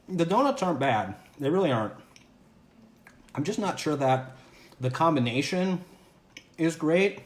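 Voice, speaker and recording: A man hosting a casual home livestream, talking upbeat and chatty while he tries food, often restarting his sentences. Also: medium pitch. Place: at home, indoors. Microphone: camera or phone mic on a livestream. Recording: echoey room with faint background ambience.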